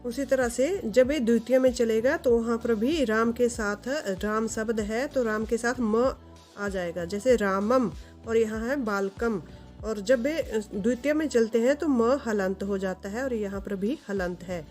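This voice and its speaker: A woman teaching a grammar lesson to viewers, reciting word forms in slow, steady lists. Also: a little high, soft background music.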